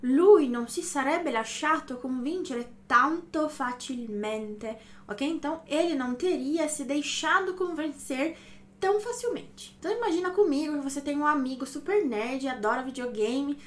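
Woman language teacher, high-pitched, patient explainer who keeps checking in. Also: moderate pace. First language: Portuguese. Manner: explanatory, checks in with frequent "ok?" and "não é?". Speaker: Italian teacher. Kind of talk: explaining grammar to viewers.

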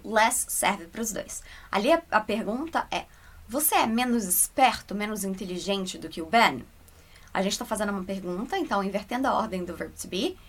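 A woman's voice: medium pitch, a bit bright. Brazilian woman teaching English patiently. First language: Portuguese. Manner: patient, explains step by step, slows down for English example sentences. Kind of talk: explanatory online lesson.

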